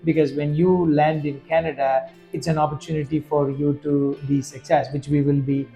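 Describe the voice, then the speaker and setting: Man, from Sri Lanka, podcast guest, earnest, mellow tone, faint music behind. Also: a little high, flat delivery, normal speed, gravelly, low-quality recording. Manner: earnest, with frequent fillers and restarts. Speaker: guest, festival director and business owner. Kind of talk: conversational interview.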